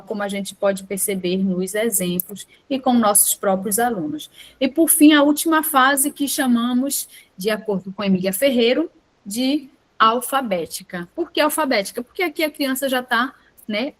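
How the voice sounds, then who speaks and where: A woman gives an online lesson, explaining step by step, checking in with a quick "tá?" and correcting herself mid-sentence. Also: a little high. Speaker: teacher preparing students for a teaching exam.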